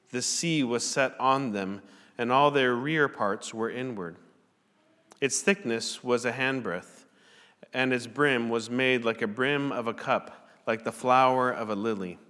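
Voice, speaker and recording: Male pastor at a pulpit mic, mid-range voice, steady deliberate reading, big reverberant sanctuary. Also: mid-range voice. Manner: measured, deliberate reading aloud. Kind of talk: sermon with scripture reading. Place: church sanctuary. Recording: long church hall reverb.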